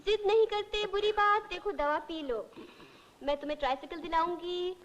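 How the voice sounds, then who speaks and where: A caring young woman who coaxes gently but firmly. Her voice is fairly high. It is heard on an old film soundtrack with a long reverb. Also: normal speed. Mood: coaxing. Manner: coaxing, gentle. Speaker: secretary, elder sister. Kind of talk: 1970s Hindi film acting.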